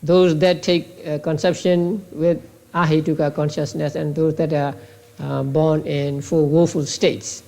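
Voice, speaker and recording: Older male monk, Burmese accent, somewhat high voice, patient halting lecturer who repeats words. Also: level tone, creaky, dark tone. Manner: halting, repeats words, many restarts and uh's. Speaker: Buddhist monk teaching a class. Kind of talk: classroom lecture. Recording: old tape recording of a class.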